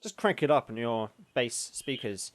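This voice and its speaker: Deadpan joking man, dry and close. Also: mid-range voice, moderate pace, no echo. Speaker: podcast co-host. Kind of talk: casual podcast chat.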